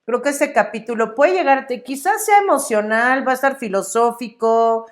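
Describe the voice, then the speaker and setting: A Mexican woman co-hosting a podcast, chatting casually in a warm, reflective way. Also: fairly high pitch, moderate pace. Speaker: podcast co-host. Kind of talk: casual chat.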